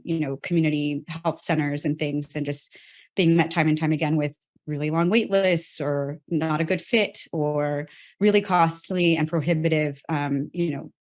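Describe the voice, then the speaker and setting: A woman from South Texas, a company co-founder, telling her personal story in an interview, earnest and pausing as she restarts on hard memories. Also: low-pitched. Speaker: healthtech company co-founder, guest.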